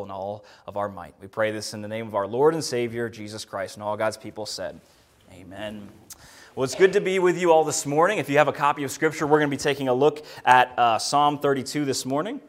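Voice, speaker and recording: A man preaches from a pulpit microphone in a church sanctuary. His pitch is of middling height. He leads prayer and tells childhood stories in an earnest, lively way. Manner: earnest, storytelling, rising energy in anecdotes. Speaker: guest preacher. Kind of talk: sermon with prayer.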